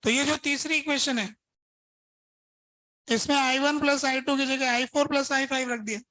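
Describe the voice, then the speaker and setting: A man's voice: very high-pitched, steady tone, moderate pace, pushed and bright, dry recording, poor audio. A man teaching a physics lesson, working through examples step by step and asking his students rhetorical questions. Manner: casual, conversational teaching. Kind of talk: lesson at a board.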